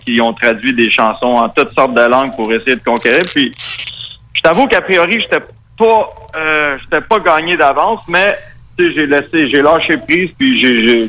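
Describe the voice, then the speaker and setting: Québécois man, bright voice, rambling. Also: medium pitch. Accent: Québécois French. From Quebec, Canada. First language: Spanish. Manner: rambling, many restarts and fillers. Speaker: metal band musician, interview guest. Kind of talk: casual interview talk. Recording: radio broadcast.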